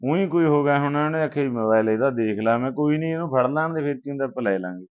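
A man playing a calm, placating elder brother. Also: medium pitch, fast talker, lightly acted. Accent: Punjabi. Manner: soothing, placating. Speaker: elder brother in a family drama. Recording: dull lo-fi sound.

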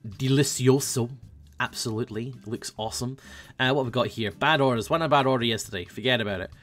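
A young man runs a hyper, chatty gaming commentary, reeling off food orders as he plays. His voice sits at a middling pitch, and faint music plays softly underneath. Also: a little fast. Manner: hyper, chatty, calls out orders while playing. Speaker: gaming video host. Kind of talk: casual let's-play commentary.

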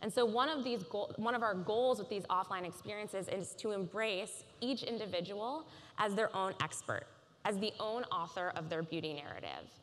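A woman in her thirties giving a polished, measured conference keynote on a large stage. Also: mid-range voice, expressive. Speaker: keynote speaker. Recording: reverberant conference hall.

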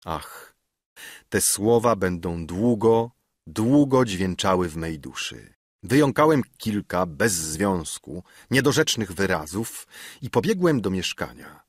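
Guy reading an audiobook, husky lowish voice, super expressive, dry close mic. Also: a little slow, no echo. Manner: expressive, emotional first-person reading. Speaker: audiobook narrator. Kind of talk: scripted narration of a novel.

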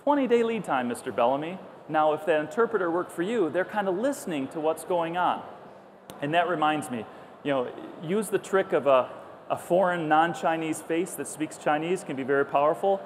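The hum of a busy trade show hall is clearly heard as a middle-aged conference speaker and company founder, miked with a clip-on lapel mic, shares anecdotes from the stage. He talks at a moderate pace in a voice on the high side, animated and conversational, acting out the dialogue.

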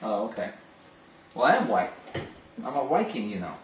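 A middle-aged man's sing-song voice, on the low side and at a moderate pace, belongs to a video phone sales representative. He gushes enthusiastically in a casual demonstration of a product and a phone chat. Indoors in a small home office, he is recorded by a camera a few steps away, with roomy, distant, hissy sound.

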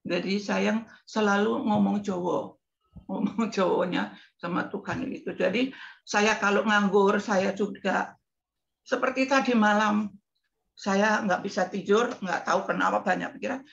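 A woman in her eighties telling lively stories with laughter as a guest on a talk show. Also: medium pitch, unhurried, vocal fry, lo-fi sound. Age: 80s. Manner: lively, laughing, mimics singing scales. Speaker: guest entertainer. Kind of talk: casual talk show storytelling.

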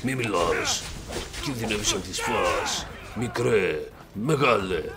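A man's voice: on the low side, lively intonation, over loud music. A young man hosting a gaming channel, giving playful, joking let's play commentary with some swearing.

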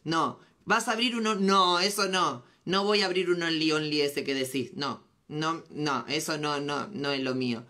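A woman's voice: deep voice, fairly even intonation, measured pace, few pauses, pushed and bright. An Argentine woman hosting a comedy live stream, chatting playfully and teasing as she answers viewer comments. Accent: Argentine Spanish. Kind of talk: casual live-stream chat.

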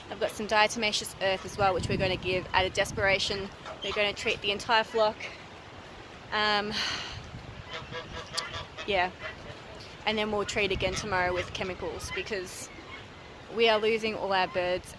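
A woman in her thirties talking casually to a handheld camera about her farm, with lots of fillers and some frustration. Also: medium pitch. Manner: chatty, filler-heavy, frustrated. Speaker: vlogger. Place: car, then outdoors on a rural property. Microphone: handheld camera at arm's length. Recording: noisy car and outdoor background.

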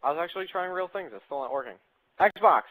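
A man casually chatting while he barks loud voice commands at a game console and laughs often. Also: sits high, lively intonation, quick pace, no echo, low-quality recording. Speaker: gamer trying voice control. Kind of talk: casual gaming chat.

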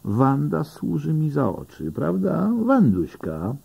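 A man's voice: fairly high pitch, huge pitch swings, vocal fry, darkish tone, slightly rough, highs cut off, pitched above the performer's own voice, exaggerated voice. A man doing an indignant blind veteran. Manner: indignant, fast-talking arguments. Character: cocky blind male army veteran, quick-tongued.

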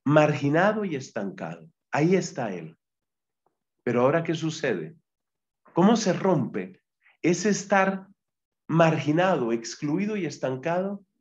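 A man teaching a Bible exegesis lesson as a friar, deliberate and repetitive, reading Greek terms aloud. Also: fairly high pitch, big pitch swings, muffled recording. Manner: deliberate, repeats key phrases, reads Greek terms aloud.

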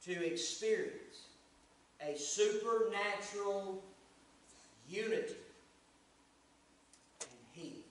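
A man preaching a sermon as pastor, swelling to emphatic bursts and then dropping low. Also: slow, long pauses. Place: church sanctuary. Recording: echoey sanctuary from far off.

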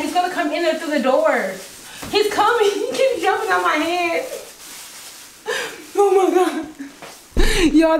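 A woman chatting casually and teasingly in an excitable, informal way for a prank vlog. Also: high voice. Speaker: prankster vlogger. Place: indoors in a bedroom. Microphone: handheld camera. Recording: echoey room, slight background noise.

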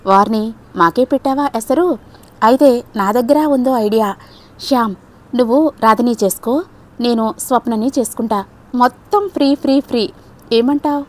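A woman's voice: a little high, steady tone, normal speed, a little mellow, natural voice. A woman voicing a caring, teasing young man who narrates the story, delivered earnestly in an audiobook. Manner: earnest, then playfully teasing.

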